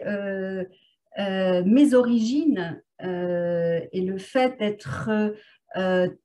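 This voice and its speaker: Slow, mellow-voiced woman therapist, hesitant. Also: medium pitch. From France. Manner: hesitant, full of filler sounds. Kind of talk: casual conversation on a video call. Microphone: video call microphone.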